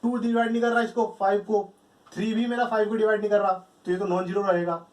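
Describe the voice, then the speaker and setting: Guy teaching math, fairly high voice, repeats stuff a lot, sounds far off in a boomy room. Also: little pitch movement, fast. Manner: explains step by step, repeats key phrases. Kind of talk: whiteboard lecture. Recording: echoey room, voice from a distance.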